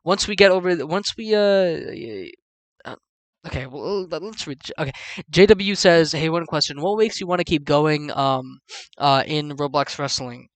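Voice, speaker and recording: A man's voice: fairly high pitch, lively intonation, normal speed, dry recording. A young man hosting a casual podcast, reading out chat questions and playfully hyping up the audience.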